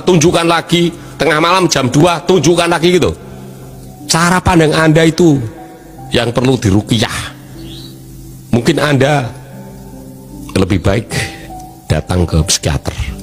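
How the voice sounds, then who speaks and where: A man giving emphatic, moralizing commentary, swinging between raised and lowered delivery. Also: normal speed, pauses often, soft background music. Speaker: speaker commenting on a legal dispute. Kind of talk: lecturing commentary.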